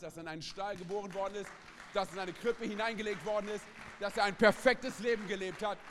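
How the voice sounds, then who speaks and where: A pastor preaching an emphatic sermon at a church service, breaking in often with quick asides to the congregation. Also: male voice, high-pitched, in a large hall, background noise. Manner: emphatic, with frequent "hey" and "ganz kurz" interjections.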